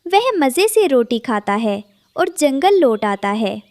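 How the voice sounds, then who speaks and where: High-pitched woman narrating a children's story. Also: big pitch swings, slow, darkish tone, no echo.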